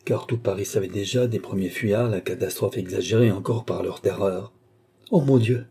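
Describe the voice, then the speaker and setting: A man reading a classic novel aloud with measured, expressive narration. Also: fairly low pitch, creaky, breathy edge. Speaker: audiobook reader.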